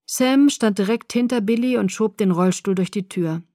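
Female audiobook narrator, calm even read, dry studio sound. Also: medium pitch, normal speed, no echo. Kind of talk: scripted first-person narration.

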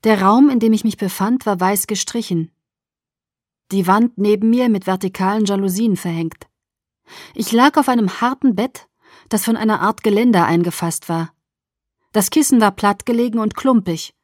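A woman narrating a first-person novel for an audiobook, following the drama and dropping almost to a whisper in quiet passages. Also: medium pitch, moderate pace, no echo, clean studio sound.

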